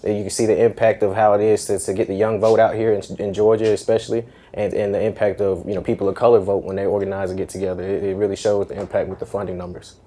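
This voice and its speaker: A young man in his twenties from Atlanta talks quickly on a panel. His voice is dark and low, with a flat, even tone. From west side of Atlanta. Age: 20s. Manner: quick, chatty, says "you know what I'm saying". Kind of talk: panel discussion.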